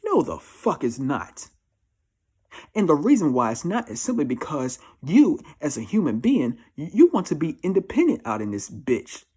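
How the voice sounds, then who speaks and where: A twenty-four-year-old American vlogger shares life advice in a relaxed confessional monologue to camera. His voice is on the high side, a little mellow and slightly rough, with huge pitch swings at a moderate pace. He's emphatic and blunt, full of slang, and tends to repeat phrases.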